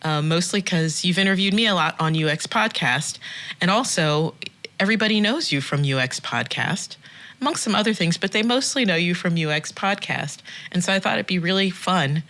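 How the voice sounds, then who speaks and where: A woman's voice: lowish voice, expressive, moderate pace, fairly bright tone. A woman hosting a podcast interview, friendly and enthusiastic as she welcomes her guest. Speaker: podcast host. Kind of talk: conversational interview.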